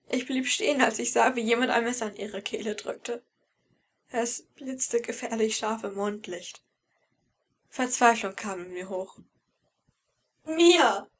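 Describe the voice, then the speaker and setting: A woman's voice: fairly high pitch, vocal fry, a little hiss or hum. A woman reading a fan-fiction audiobook in first person, with emotional, tense storytelling. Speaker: audiobook reader.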